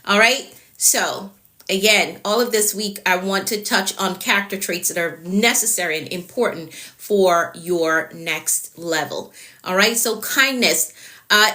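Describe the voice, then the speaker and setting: A productivity coach with a Jamaican accent gives a live-stream talk, repeating her key points and greeting viewers by name. Her medium-pitched voice is pushed and bright.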